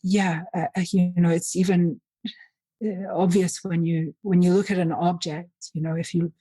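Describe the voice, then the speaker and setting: Low, mellow woman guest author. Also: flat delivery, husky, no echo. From Finland, raised in Nigeria. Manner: thoughtful, measured, with some restarts. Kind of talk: reflective interview talk.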